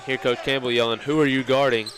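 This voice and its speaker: Young male color commentator, rapid chatty delivery, casual analysis, noisy gym ambience behind him. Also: mid-range voice, flat delivery. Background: gym crowd and bouncing basketballs.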